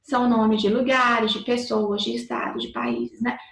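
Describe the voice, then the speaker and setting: A woman's voice: a little high, very animated, unhurried, reverberant, poor audio. A woman teacher with a Brazilian Portuguese accent giving a recorded class to children, patient and explaining step by step, often rephrasing. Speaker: schoolteacher.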